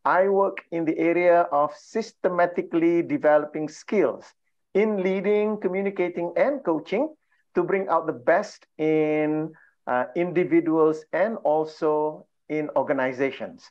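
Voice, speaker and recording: On a video call with slightly dull audio, a middle-aged man from Malaysia greets participants to his online workshop. The trainer and coach speaks at a fairly high pitch and an unhurried pace, warm and laughing, with frequent "uh" fillers, from a room lined with bookshelves.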